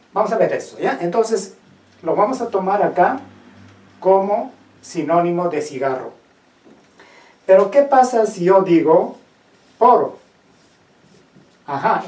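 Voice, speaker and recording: A teacher lectures slowly and deliberately, pausing to ask the class whether they understand. The voice sits at a middle pitch. It sounds roomy and echoey, picked up from some distance away from the mic. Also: a little mellow. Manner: slow, deliberate, checks understanding with questions.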